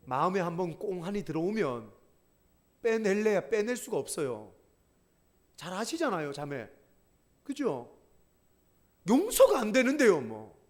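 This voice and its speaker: Male pastor, sermon, animated storytelling, very lively pitch. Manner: animated storytelling, addressing the congregation.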